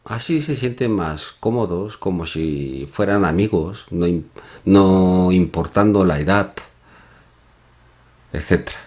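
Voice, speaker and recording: A man teaching a Korean lesson from slides, explaining slowly with pauses and soft hums. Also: low-pitched. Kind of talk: slide-based language lesson.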